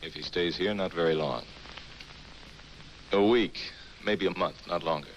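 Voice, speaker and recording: An actor playing a desperate ship's doctor, urgent and insistent, in an old film. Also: male voice, low voice, a little slow, noisy background. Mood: clinical. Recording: dull old VHS tape with film music.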